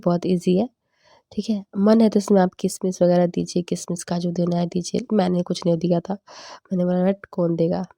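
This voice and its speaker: A woman's voice: medium pitch, gravelly, mellow, no echo, clean studio sound. A young woman casually narrating a home cooking vlog, chatty and laughing often. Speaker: vlogger.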